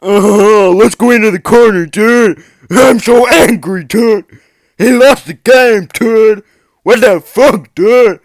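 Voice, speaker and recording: A man putting on a shouty, exaggerated young male meme voice, yelling catchphrases. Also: high-pitched, sing-song, very slow, vocal fry, no room sound, studio quality, exaggerated voice. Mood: hyped yelling.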